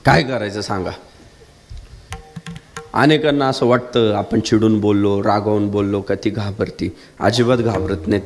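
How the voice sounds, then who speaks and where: A man preaching a humorous kirtan sermon, telling a story and swinging his voice low and high to act out the people in it. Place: live kirtan gathering.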